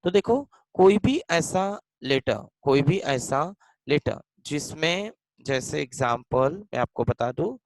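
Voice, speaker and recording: A male teacher runs an exam-focused grammar lesson, his pitch rising and falling a lot as he drills each point over and over. He keeps asking questions and answering them himself, and slips English phrases into his explanations. The sound is dry and close, with no room echo. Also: sing-song, slow.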